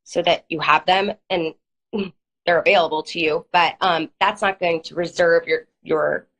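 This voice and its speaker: A woman's voice: on the low side, steady tone, moderate pace, fairly bright tone, low-quality recording. A woman lawyer with a cold, explaining legal matters plainly in a live online interview. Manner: plain explanatory, uses hedging fillers. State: has a cold, clearing her throat. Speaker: lawyer, guest. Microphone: online video stream.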